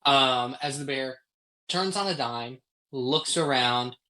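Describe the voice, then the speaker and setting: A man runs a tabletop game, describing the scene in a measured way, pausing and filling gaps with ums. His voice sits at a middle pitch and sounds close to a streaming microphone. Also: pushed and bright, low-quality recording. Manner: unhurried, descriptive narration with pauses and ums. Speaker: game master.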